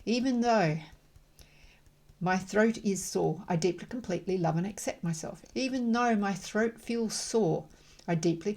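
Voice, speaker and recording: A middle-aged woman leads a guided emotional freedom tapping demonstration in a creaky, mid-range voice. She repeats affirmation phrases slowly and rhythmically, with calm, chatty explanations in between.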